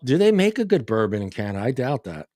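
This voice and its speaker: A man's voice: medium pitch, big pitch swings, quick pace, dark tone, dry recording. Guy cohosting a chat show, laughs a lot, teasing, dry close sound. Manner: joking, laughs often, teasing. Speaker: podcast co-host. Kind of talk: casual chat.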